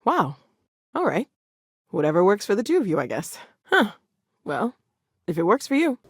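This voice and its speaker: A woman's voice: medium pitch, very animated, normal speed, breathy edge, no echo, studio quality. A woman acting an earnest, curious and wry scientist in a video game, talking in a hesitant, thoughtful, natural way. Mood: flustered, wry.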